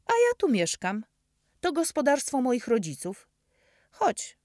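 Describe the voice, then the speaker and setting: A woman's voice: high-pitched, wildly swooping pitch, takes it slowly, darkish tone, dry recording, studio quality, pitched above the performer's own voice, exaggerated voice. A woman voicing a friendly, cheerful teenage farm boy in a storybook reading.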